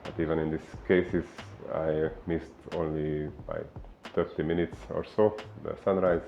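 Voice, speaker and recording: A man from Hungary with a Hungarian accent, a fitness coach giving an unhurried explainer talk full of filler pauses. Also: a bass voice, level tone, dark tone, muffled recording, slight background noise.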